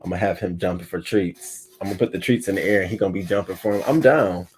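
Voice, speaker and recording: A man in his thirties hosting a livestream morning show, chatting loosely with profanity and sudden loud bursts into a webcam mic. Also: low voice, quick pace, a little hiss or hum. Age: 30s. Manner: loose, profane and animated, often bursting louder. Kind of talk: casual livestream chat.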